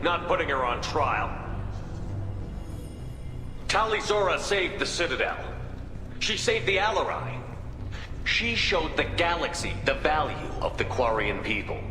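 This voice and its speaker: A man's voice: fairly high pitch, lightly acted. Guy playing blunt protective space commander in a video game, echoey room, music going. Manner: firm, blunt. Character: steadfast male human military commander, blunt and protective. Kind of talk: dramatic video game voice acting. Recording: echoey reverberant hall, music behind.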